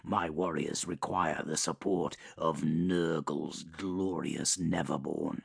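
A man voicing an ancient, menacing male demon lord who speaks in slow, low, measured threats. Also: fairly even intonation, gravelly, breathy edge, no echo, studio quality, full character voice. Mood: cold, menacing.

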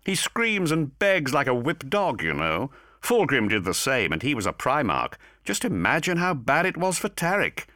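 A man's voice: mid-range voice, huge pitch swings, moderate pace, sharp tone, no echo, clean studio sound, pitched above the performer's own voice. A man voicing a gloating male daemon in a warrior's body, mocking and taunting as he speaks.

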